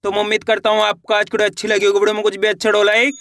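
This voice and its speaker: A man's voice: sits high, monotone, racing, fairly bright tone, dry recording. A man teaching Hindi reading, sounding out each word syllable by syllable and repeating it, encouraging his viewers. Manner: encouraging, addresses viewers as friends. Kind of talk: slow spelled-out reading lesson.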